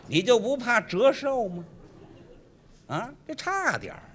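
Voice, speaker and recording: An older man performing stage crosstalk comedy as the straight man who keeps correcting his partner with quick, exasperated replies. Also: extremely high pitch, very animated, fairly bright tone, slight background noise.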